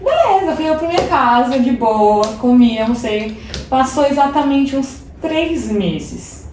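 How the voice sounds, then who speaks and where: A young adult woman shares a personal story as a podcast guest, chatty and self-mocking, often breaking into laughter. Her voice sits a little high. The mic picks her up from a distance in a strongly echoing room with a faint hiss. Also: animated, measured pace, darkish tone. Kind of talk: casual testimony storytelling.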